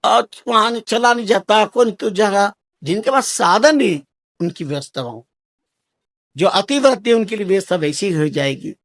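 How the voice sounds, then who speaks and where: A man's voice: sits high, normal speed, a bit bright, dry recording. A man giving a devotional sermon to a large gathering, exhorting and repeating himself, rising to emphatic bursts. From Rajasthan, India. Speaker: spiritual teacher.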